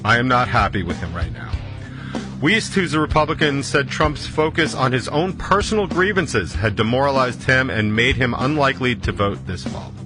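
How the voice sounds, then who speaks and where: A man with a mid-range voice speaks bluntly and scornfully, reading news quotes aloud between his own remarks. Clear music plays behind him throughout. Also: medium pitch, expressive, normal speed.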